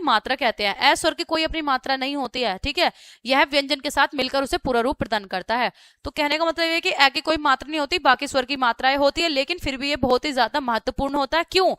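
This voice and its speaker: A woman's voice: high voice, pushed and bright, dry recording, clean studio sound. A woman teaching a grammar lesson to children, explaining step by step, asking questions and then answering them herself, often checking in with "okay". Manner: repeats "ठीक है" often as a check-in; sounds out words letter by letter. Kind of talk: classroom-style grammar lesson.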